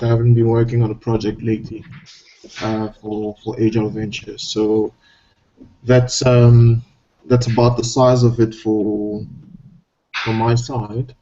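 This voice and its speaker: A man from Cameroon hosts a casual online scrum. His voice is dark and mellow, and his talk is relaxed and halting, full of fillers and restarts. The video-call audio sounds dull and muffled. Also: fairly low pitch. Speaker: scrum host.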